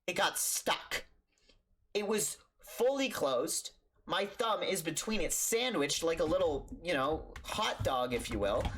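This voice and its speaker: A man's voice: fairly high pitch, big pitch swings, slow, fairly bright tone, slightly rough. A young man telling a childhood story for a storytime vlog, rambling and stammering with lots of fillers.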